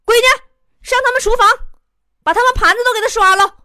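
A woman's voice: high voice, big pitch swings, fairly quick, faint music behind. A woman voicing her own blunt, bossy middle-aged mother, scolding. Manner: scolding, brusque, loud.

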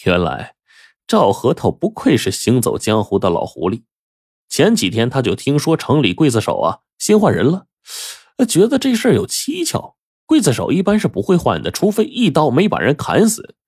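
A man telling a traditional story in a lively, animated storyteller manner. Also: mid-range voice, normal speed, slightly rough, no room sound, clean studio sound. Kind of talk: oral storytelling.

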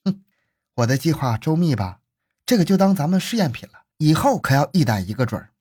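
A man's voice: on the high side, sing-song, moderate pace, mellow, slightly rough, pitched above the performer's own voice. A man voicing a vicious, scheming younger brother in a spoken crime story, speaking in a raised, menacing voice. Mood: smug. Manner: snarling, menacing.

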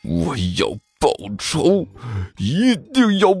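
A man voicing a vengeful, menacing rich schoolboy who speaks in slow, low threats. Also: wildly swooping pitch, a little mellow, breathy edge, no room sound, full character voice.

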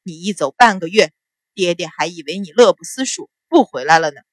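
A woman voicing a stern middle-aged nobleman and father who questions his family gruffly. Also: on the low side, expressive, brisk, dry recording, studio quality, voice pushed down. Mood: reproachful.

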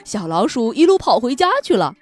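A woman's voice: a little high, sing-song, a little fast, soft background music, voice pushed up. Woman voicing a talking map, confident. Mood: knowing. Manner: confident, instructive. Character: helpful talking map, calm and knowing. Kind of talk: storybook read-aloud for children.

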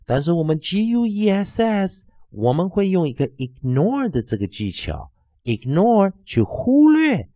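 A man's voice: high voice, sing-song, a little slow, warm tone, no room sound. A man teaching an English phonics lesson, spelling out letters and repeating each sound and word several times.

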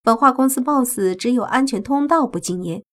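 A woman's voice: high-pitched, animated, normal speed, pitched above the performer's own voice. A woman reading a storybook, voicing a smug, spiteful young woman journalist with a taunting, affected manner.

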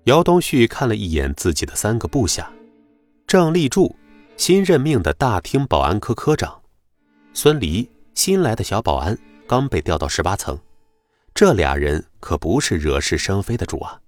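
A man narrating a web novel audiobook in an expressive storytelling manner. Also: on the low side, normal speed, soft background music.

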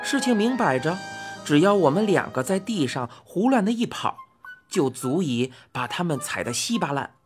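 A woman reads a children's story aloud in the first person with a lively, expressive telling. Her voice sits on the low side and moves widely in pitch. Soft music runs faintly behind her. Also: moderate pace. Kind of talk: storybook narration.

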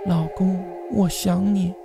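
A man voicing the ghost of a dead wife calling over a phone, soft and plaintive. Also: sits high, little pitch movement, slow pace, gravelly, over music, pitched above the performer's own voice, full character voice.

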